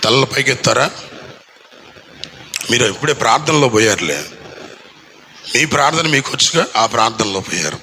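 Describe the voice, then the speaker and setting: A male pastor preaching a sermon at a church anniversary, with fervent repeated rhetorical questions and long drawn-out lines. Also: medium pitch, expressive, pushed and bright, a little hiss or hum, low-quality recording. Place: church anniversary gathering in a village.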